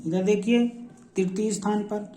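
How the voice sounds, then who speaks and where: A man teaching a shorthand lesson, repeating each example word several times as he walks through the rules. His voice is dark and mellow. He is recorded in a roomy space with plenty of echo. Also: high-pitched, steady tone, a little slow. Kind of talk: classroom lesson. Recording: echoey room.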